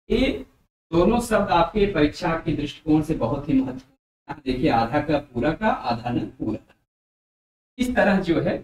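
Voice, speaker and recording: A man teaching a Hindi grammar lesson for exam preparation, explaining slowly and repeating letters and sounds aloud for his students. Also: a little high, a little mellow. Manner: addresses viewers as dear friends. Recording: very echoey room.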